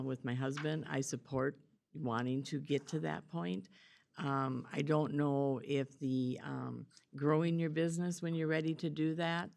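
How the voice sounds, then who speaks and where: A woman county commissioner asking questions and commenting at a public board meeting, measured and hesitant with fillers. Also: a bass voice, creaky, a little mellow, slight background noise.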